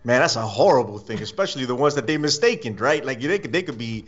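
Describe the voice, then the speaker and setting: A man in casual wrestling chat, halting and repeating words, then getting excited. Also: medium pitch. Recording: muffled lo-fi recording.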